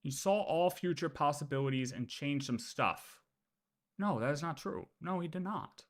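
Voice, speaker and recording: In casual livestream chat over a game, a man with a high-ish voice talks at normal speed, pressing his arguments insistently, repeating himself, and cursing.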